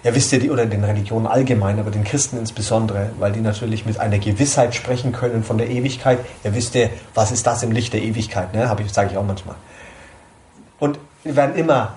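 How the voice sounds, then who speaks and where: A man's voice: fairly low pitch, quick pace, a little mellow, slight background noise. A man giving an informal sermon to a small group, conversational, often asking his listeners questions. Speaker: preacher at a small church group.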